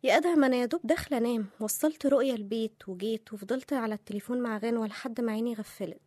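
A young wife from an Egyptian radio-style drama, played by a woman speaks in a high voice at a breakneck pace. Her Egyptian Arabic comes through a dry, close microphone. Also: racing, mellow, no echo, natural voice. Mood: drowsy. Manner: sleepy then panicked, pleading. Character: young wife terrified by nightmares. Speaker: wife woken by a nightmare. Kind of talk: audio drama acting.

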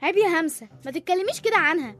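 A woman's voice: very high-pitched, animated, racing, a bit bright. A woman with an Egyptian accent playing a sensible, outspoken young daughter in a radio serial, direct in manner. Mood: curious, reproving. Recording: faint music behind the voice.

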